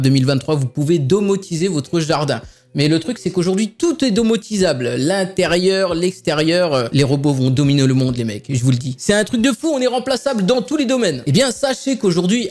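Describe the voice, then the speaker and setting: High-voiced man casually reviewing gadgets. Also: darkish tone. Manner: chatty, joking asides to viewers. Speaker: tech channel host. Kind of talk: casual product review and unboxing. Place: his home office.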